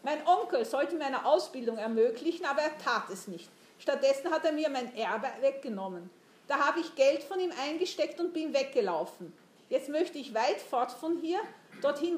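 A woman's voice: high voice, expressive, normal speed, slight background noise. A woman voicing an eager, anxious teenage boy who pleads earnestly in a storybook reading. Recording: roomy echo.

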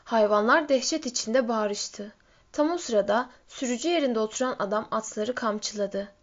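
A woman narrating a story in a steady reading voice. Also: normal speed. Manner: steady storytelling, lifts pitch for shouted quotes. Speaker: audiobook reader. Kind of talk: scripted narration. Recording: dull lo-fi recording.

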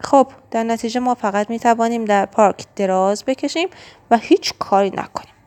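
A woman's voice: on the high side, darkish tone, lightly acted. A woman voicing a kind, playful grown man who looks after a child, in a storybook read-aloud. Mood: cheerful.

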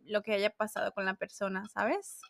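Bright-voiced young woman, laughing banter. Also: medium pitch, fairly even intonation, moderate pace, creaky. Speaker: podcast co-host. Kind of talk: casual chat.

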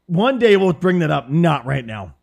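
Ein Mann mit nördlichem Minnesota-Akzent, der locker, derb und scherzend einen Podcast moderiert. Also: male voice, fairly high pitch, sing-song, normal speed, vocal fry. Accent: Northern Minnesota. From northern Minnesota. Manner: loose, profane and joking. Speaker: podcast host and streamer. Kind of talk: casual podcast chat. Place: home room with window open.

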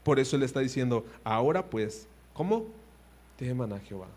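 A man preaching a sermon, animated, swinging between loud emphasis and quiet asides and putting direct questions to his listeners. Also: medium pitch, normal speed.

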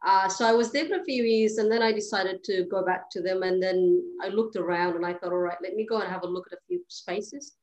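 A woman's voice: medium pitch, fairly even intonation, brisk, few pauses, a little mellow, rough recording. A woman in her thirties from Eritrea, a guest on a podcast interview, talking at home with frequent restarts and easy laughter. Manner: hesitant, many restarts and fillers, laughs easily. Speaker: guest, cleaning business founder. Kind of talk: podcast interview, casual conversation. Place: at home during lockdown.

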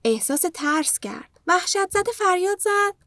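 A woman narrating a children's story in a gentle storytelling manner. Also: very high-pitched, expressive, dry recording, clean studio sound.

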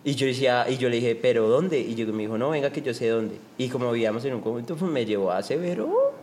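A man's voice: mid-range voice, very animated, fast, darkish tone, a little hiss or hum. A young man with a Colombian accent, telling crude, joking stories in a casual chat full of slang.

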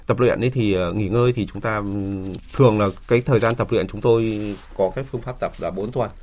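A man's voice: fairly low pitch, a little fast, darkish tone, slight background noise. A man speaking as an expert doctor, explaining health advice step by step with hesitant starts.

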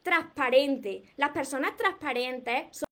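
High-voiced Andalusian woman giving advice. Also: takes it slowly. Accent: Andalusian Spanish. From Córdoba, southern Spain. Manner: earnest, repetitive, emphatic advice. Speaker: dating and self-esteem coach. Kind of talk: live-streamed motivational talk.

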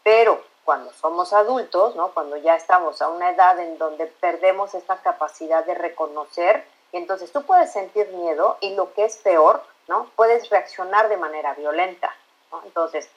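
Low-voiced woman explaining calmly. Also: moderate pace, dull audio. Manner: explanatory, acts out quoted dialogue. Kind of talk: conversational podcast talk.

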